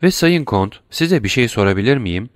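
A man's voice: mid-range voice, lively intonation, moderate pace, no room sound, clean studio sound, voice pushed up, natural voice. A man voicing a poised noble lady in a storybook. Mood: courteous. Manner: polite, probing questions. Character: poised noble woman, a prosecutor's wife.

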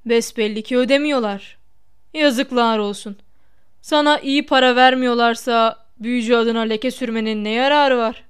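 A cold, haughty wizard aristocrat who sneers at everyone he speaks to, read aloud by a woman. The voice is clear and smooth, pitched a little below her usual, and it carries mocking weight in an audiobook telling. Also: steady tone, normal speed, close to an everyday voice. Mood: sneering.

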